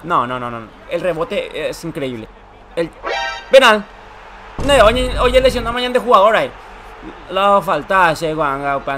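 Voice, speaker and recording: A young man, giving excited, emotional commentary over a football video game he is playing. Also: high voice. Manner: emotional, shouts and groans at every play. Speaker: gaming YouTuber.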